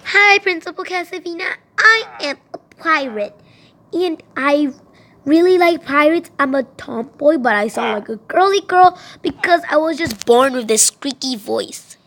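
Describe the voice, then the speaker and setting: A woman voicing a tomboyish young pirate girl with a squeaky voice. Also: lively intonation, measured pace, fairly bright tone, heavily acted. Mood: cheerful.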